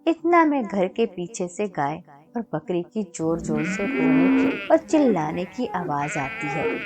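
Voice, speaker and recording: A woman with a mid-pitched voice reads a children's moral story in a steady, scripted way. Her delivery stays even and measured from line to line. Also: over music.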